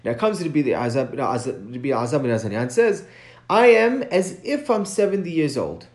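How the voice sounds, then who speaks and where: A man's voice: mid-range voice, very animated, darkish tone. A man teaching a recorded study lesson, explaining a text step by step, often checking in with "right?" and stressing key points with his voice rising. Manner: chants source text quickly. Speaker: Mishnah teacher.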